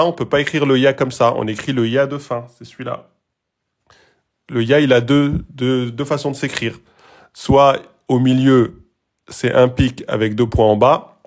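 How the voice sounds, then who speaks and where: Guy teaching arabic letters really slowly, patient, keeps repeating stuff and sounding it out. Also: mid-range voice. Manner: slow, patient, repeats rules and models sounds. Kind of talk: online lesson.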